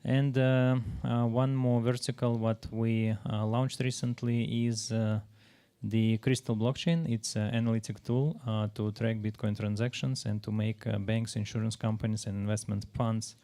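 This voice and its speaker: Panel speaker: a man from Latvia with a low, warm voice, hesitant and full of fillers. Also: steady tone. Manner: halting, many filler pauses. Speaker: panelist, company founder. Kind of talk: panel self-introduction.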